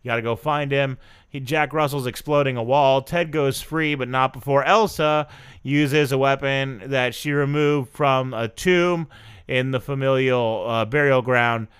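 A man's voice: mid-range voice, fairly even intonation, measured pace, a bit bright, smooth. A man hosting a podcast, chatting casually and reviewing a show in a rambling, self-correcting way. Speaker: podcast host.

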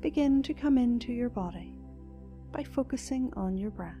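Soft, slow woman guiding a meditation. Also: on the high side, animated, highs cut off, music in the background. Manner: soft, slow, soothing, partly breathy. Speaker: meditation guide. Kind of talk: scripted guided meditation.

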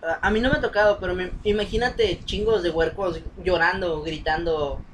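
Young guy cracking jokes, high pitched, slangy, faint noise in back. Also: fairly even intonation, normal speed, a bit bright. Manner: joking, slangy, teasing. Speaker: podcast co-host. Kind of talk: casual chat.

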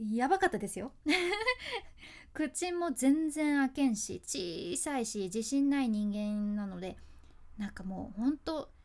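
Woman, Fukuoka dialect, announcer-turned-coach, casual lesson, chatty, high voice. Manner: chatty, laughs often, acts out example phrases. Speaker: freelance announcer and speaking coach. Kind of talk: casual podcast lesson on speaking.

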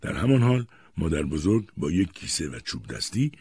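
A man narrating an audiobook in an expressive storytelling manner. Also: rumbling low, gravelly, breathy edge. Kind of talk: scripted narration.

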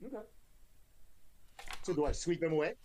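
Lively man explaining his game moves. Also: fairly high pitch, moderate pace, crowd noise. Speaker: player. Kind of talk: tabletop game play over voice chat.

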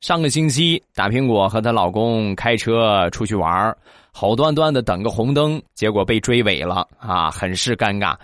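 A man telling short comic anecdotes in a lively storytelling manner, slipping into acted voices. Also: lowish voice, normal speed, soft background music. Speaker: comic joke teller.

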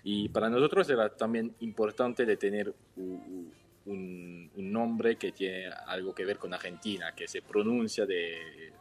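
A young Swiss wine entrepreneur with a voice on the low side answers interview questions. He speaks carefully and haltingly, searching for words in a language that isn't his first.

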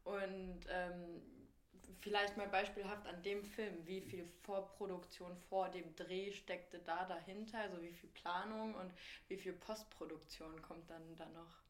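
A woman hosting a casual interview podcast, asking relaxed follow-up questions. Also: fairly low pitch, unhurried. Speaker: podcast host. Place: her living room. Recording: echoey home room.

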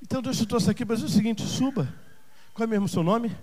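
A man preaching a sermon as pastor in a church, swinging between shouted peaks and hushed passages. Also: sits high, rapid-fire. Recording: long church reverb, faint noise.

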